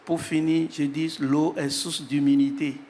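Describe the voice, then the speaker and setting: Man, fairly high voice, measured solemn panel remarks, long hall reverb, faint noise. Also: little pitch movement, dark tone. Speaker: panelist speaking through an interpreter. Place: large hall at an event.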